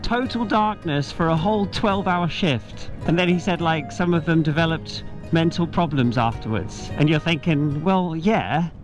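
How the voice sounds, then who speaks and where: A man talks straight to his camera while on a rainy road trip, chatty and upbeat as he fills in his viewers. His voice sits a little high. Light music plays faintly underneath. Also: normal speed. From Britain. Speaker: motorbike travel vlogger. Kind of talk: casual vlog narration to camera. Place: outdoors and in a cafe, on the road in rainy weather.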